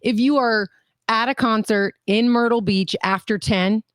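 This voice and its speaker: A woman's voice: fairly high pitch, steady tone, unhurried, dry recording, studio quality. A woman co-hosting a podcast, talking in blunt, joking casual chat. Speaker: podcast co-host.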